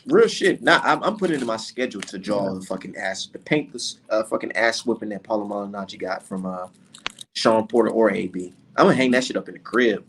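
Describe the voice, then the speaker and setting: A man's voice: on the low side, expressive, fairly quick, fairly bright tone, slight background noise. A man in his twenties hosting a casual podcast chat, brash and cussing, getting fired up. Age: 20s. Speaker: podcast host.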